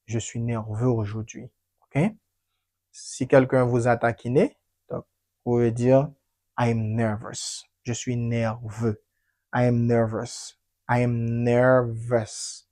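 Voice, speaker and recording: A man's voice: medium pitch, darkish tone. A man teaching English as a bilingual lesson, repeating phrases patiently and checking in with "ok?" after each one. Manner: drills phrases by repetition, keeps checking with "ok?".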